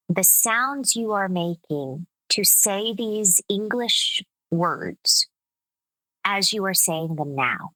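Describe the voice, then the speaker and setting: Slow, bright-voiced woman speech coach. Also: medium pitch, no echo, rough recording. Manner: measured, explanatory. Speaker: speech coach and accent specialist. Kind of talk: conversational interview.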